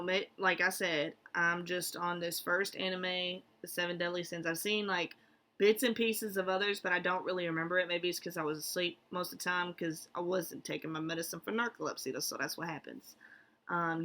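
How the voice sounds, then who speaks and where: A woman's voice: lowish voice, steady tone, moderate pace, fairly bright tone. A woman therapist talking casually in a vlog, rambling with lots of fillers and incredulous asides.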